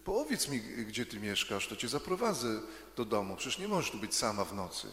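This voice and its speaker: A man doing a gentle shy young man. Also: lowish voice, sing-song, fairly quick. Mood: coaxing. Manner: gentle, coaxing. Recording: echoey hall, gravelly.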